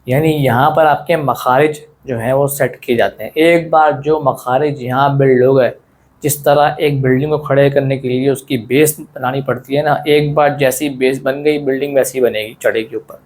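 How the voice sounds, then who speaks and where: A man teaching an online lesson in a relaxed, friendly way, asking questions and answering them himself and often repeating his points. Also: medium pitch, normal speed. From South Asia. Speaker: Quran teacher.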